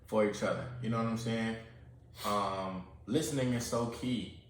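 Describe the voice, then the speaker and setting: Animated man chatting in an echoey room. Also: lowish voice, moderate pace. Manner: animated, acts out quoted lines; eating while talking. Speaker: podcast co-host. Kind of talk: casual chat.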